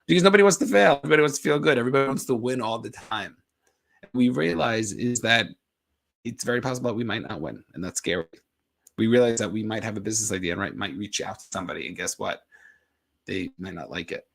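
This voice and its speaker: A man's voice: on the low side, fairly quick, gravelly, a bit bright. A man giving a casual motivational talk, rambling a little with restarts and filler words. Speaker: motivational speaker.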